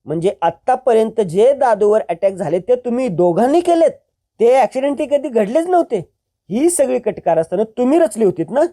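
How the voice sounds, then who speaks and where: A storyteller voicing a young woman in a family drama who angrily accuses her relatives, with sharp, scolding outbursts. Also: mid-range voice, a little fast, close to an everyday voice. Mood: angry accusing.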